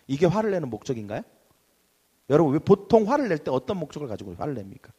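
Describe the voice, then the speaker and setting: A man's voice: a little high, very animated, fast talker, dark tone, slightly rough. A male pastor preaching a Sunday sermon, asking the congregation questions and acting out angry outbursts. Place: church sanctuary. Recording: church hall with long reverb.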